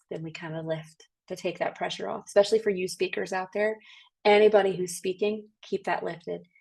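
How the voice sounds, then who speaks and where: A woman's voice: medium pitch, darkish tone. A woman who is a trained soprano, coaching a group over a video call in a chatty, upbeat, encouraging way with casual fillers. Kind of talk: online voice workshop instruction.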